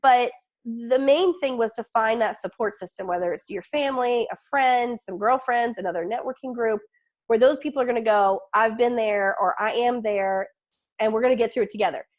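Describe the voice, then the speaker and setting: A middle-aged woman guest talking business and family in a lively, chatty way, slipping into quoted voices and laughing along. Her voice sits a touch high for a woman. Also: moderate pace, dull audio. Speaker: podcast guest, marketing business owner. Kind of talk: casual interview chat.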